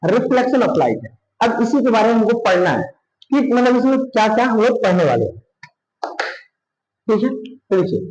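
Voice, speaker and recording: Teaching science in a classroom, a Bihari Hindi-accented man asks questions and answers them himself, saying "thik hai" again and again. His very high voice swings widely in pitch at a moderate pace with frequent pauses, and it sounds dark and muffled in an echoey room.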